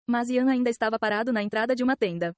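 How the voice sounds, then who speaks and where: Brazilian-accented woman narrator, quick and steady, fairly high, dry sound. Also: dry recording. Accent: Brazilian Portuguese. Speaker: audiobook narrator. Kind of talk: scripted novel narration.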